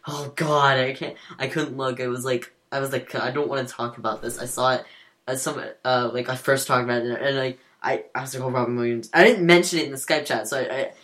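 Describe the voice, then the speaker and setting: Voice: medium pitch, steady tone, fast, a bit bright. A podcast co-host chatting casually, rambling and restarting sentences as they tell a story. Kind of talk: casual chat.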